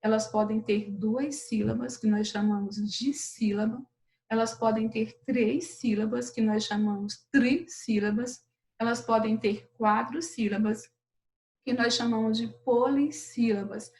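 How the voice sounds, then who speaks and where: A Brazilian woman teacher speaks in a slightly raised, friendly register to young pupils. She walks through the words patiently, drawing out syllables and pausing often to check that the children are following. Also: fairly high pitch, a little mellow, low-quality recording. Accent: Brazilian Portuguese. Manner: patient, drawn-out syllables, frequent "beleza?" checks. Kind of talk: recorded remote lesson for children.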